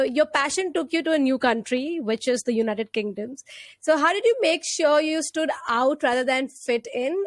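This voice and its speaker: A woman hosts a podcast in a high voice, recorded dry and close. She asks long, earnest questions that wander a little before she lands them. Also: no echo. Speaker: podcast host. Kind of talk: podcast interview.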